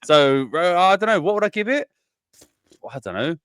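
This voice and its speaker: A man's voice: high voice, animated, normal speed, a bit bright, clear, resonant tone, no echo, clean studio sound. A man co-hosting a film podcast, rambling and swearing a lot while a bit drunk. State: tipsy. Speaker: podcast co-host. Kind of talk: casual film review chat.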